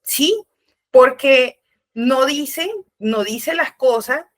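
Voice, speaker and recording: A woman's voice: high-pitched, drawn-out words. A middle-aged woman with a Colombian Caribbean coast accent, teaching from scripture in a church talk, conversational and full of restarts. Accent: Colombian Caribbean coast Spanish. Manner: conversational, acts out dialogue, many restarts. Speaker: church speaker.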